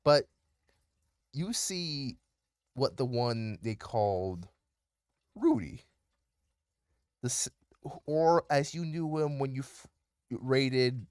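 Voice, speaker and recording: A man's voice: mid-range voice, lively intonation, slow, long pauses, a little mellow, smooth, dry recording, clean studio sound. A man running a tabletop game as game master, laughing often and stalling with repeated restarts.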